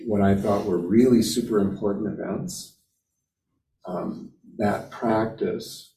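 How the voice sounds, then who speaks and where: A man thoughtfully sharing a reflection in a group discussion at a Zen center, talking slowly with hesitant fillers. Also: creaky, dark tone. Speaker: sangha member sharing a reflection. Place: Zen center meditation hall. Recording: echoey hall, distant mic, faint rumble.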